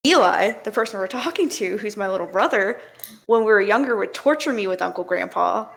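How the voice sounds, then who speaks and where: A woman's voice: mid-range voice, animated, brisk, vocal fry, low-quality recording. A young woman hosting a podcast, chatting casually and telling stories with easy laughter. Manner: chatty storyteller, laughs easily. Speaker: podcast host. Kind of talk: casual chat.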